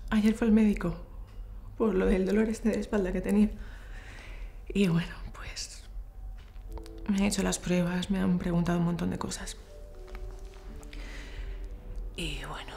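An actress from playing a middle-aged, grieving, sick woman who speaks with tragic sorrow, hushed, halting and fragile, in a film drama monologue. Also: mid-range voice, creaky, a little hiss or hum, lightly acted. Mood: troubled, sorrowful. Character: grieving sick woman reminiscing tenderly to her estranged sister. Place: indoor room, film set.

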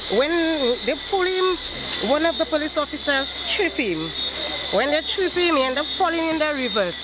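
A woman tells what she saw in an interview, repeating herself urgently. Her voice sits high. It was recorded outdoors with loud noise all around. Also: expressive, moderate pace. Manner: repetitive, urgent recounting. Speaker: eyewitness. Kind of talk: interview testimony.

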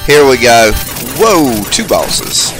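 With game music behind him, a man gives off-the-cuff commentary as he plays through a video game. His mid-range voice is lively in intonation but slow-paced.

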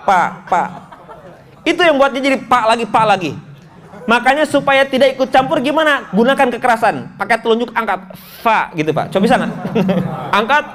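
A man teaching Quran letter pronunciation to adult students, joking with them and modelling each sound slowly. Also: very high voice, animated, fairly bright tone.

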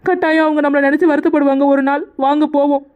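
A woman's voice: high-pitched, level tone, fast talker, phone-quality sound, natural voice. Woman voicing a determined young pregnant wife. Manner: consoling, firm.

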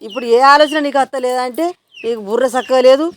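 Fast, nagging high-voiced woman scolding. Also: a little hiss or hum. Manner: nagging, repetitive, rapid scolding. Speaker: scolding mother-in-law in a prank skit. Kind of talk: scripted village family prank skit.

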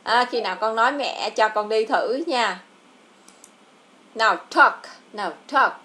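A woman's voice: on the high side, measured pace, bright, forceful tone. A woman with a Vietnamese accent teaching English to a child over a video call, patient and coaxing, repeating words for the child. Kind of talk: online tutoring a child.

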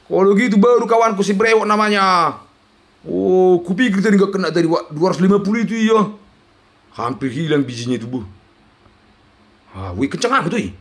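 A young man, giving loud, excited commentary on a slot game as he plays, swinging between yells and mutters. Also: high voice, fairly quick, long pauses. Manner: loud, shouting and exclaiming, jumpy swings between yelling and muttering.

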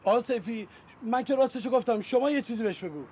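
A stubborn, unpaid driver in a TV drama pleads and protests for his money. His voice is very high, with faint street noise behind. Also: a little mellow. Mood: insistent. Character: stubborn unpaid male driver demanding wages. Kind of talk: TV series acting.

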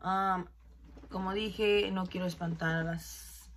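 A woman's voice: lowish voice, fairly even intonation, slow, a little hiss or hum. A woman, chatting casually and switching between Spanish and English as she films a beauty vlog. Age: 20s. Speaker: beauty vlogger. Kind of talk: casual get-ready-with-me chat. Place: small bedroom indoors.

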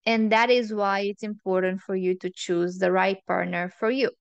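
A woman hosting a relationship advice monologue, earnest and opinionated, laying out her points in measured lists. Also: medium pitch, fairly even intonation, vocal fry, clean tone, no room sound, highs cut off.

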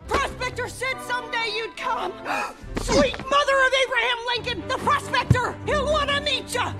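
Squealing, very high cowgirl doll. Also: moderate pace. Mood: thrilled. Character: excitable bouncy young cowgirl doll. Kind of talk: animated film dialogue. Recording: film clip under loud music.

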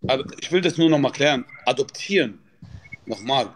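A man's voice: medium pitch, expressive, a little fast. A middle-aged man chatting casually as a guest on a livestream. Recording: clearly noisy livestream audio with clicks.

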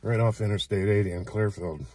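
An older man in his sixties with a fairly low, very mellow voice. He chats casually in short, unhurried remarks, recorded inside a parked car. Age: 60s. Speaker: vlogger. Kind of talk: casual chat to camera while eating.

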